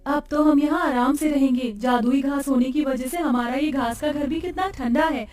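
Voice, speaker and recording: A woman plays a young village wife in a cartoon, pleased with her cool new home. Her voice is clearly high and light. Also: moderate pace, a little mellow, recorded from a distance, lightly acted.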